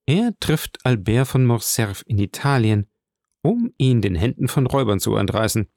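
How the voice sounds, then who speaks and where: A man's voice: mid-range voice, big pitch swings, moderate pace, a little mellow, no room sound, studio quality. A man voicing an earnest, devoted young man in love, speaking in a reflective, sincere way in an audiobook.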